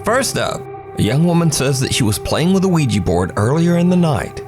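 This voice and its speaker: A man's voice: fairly high pitch, very animated, normal speed. A man hosting a video countdown, narrating clips in a dramatic, playful storytelling way. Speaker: host narrating viral videos. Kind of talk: scripted narration. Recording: background music.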